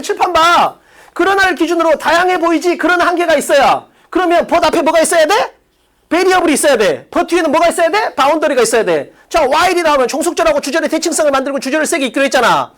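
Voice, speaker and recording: This high-pitched woman is lecturing an exam-prep English class on test reading questions. Rhetorical questions come in rapid bursts, and she swears at her students while insulting them outright.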